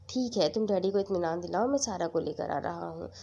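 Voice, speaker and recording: A woman voicing a calm, level-headed young man who reassures the people around him. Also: fairly low pitch, lo-fi sound, a little hiss or hum, close to an everyday voice.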